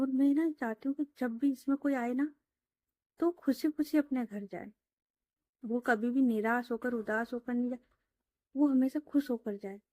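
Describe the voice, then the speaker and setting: A woman voicing a pleading young woman, soft and high. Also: no echo, close to an everyday voice.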